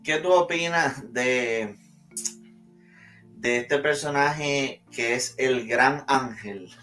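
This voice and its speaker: A man's voice: mid-range voice, very slow, a bit bright, faint music behind. A man hosting a casual anime discussion, steering the talk with questions in a conversational way. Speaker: host.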